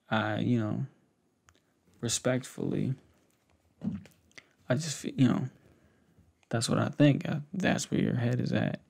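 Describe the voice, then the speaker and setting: A young American man in his 20s or 30s, an ASMR creator, performs a soft conversational roleplay monologue, talking unhurriedly and hesitantly with pauses, intimately to a single listener. His mid-range voice is gravelly and full of fry with a darkish tone, picked up close on a desktop condenser mic with a pop filter in a small indoor setup with a cloth backdrop.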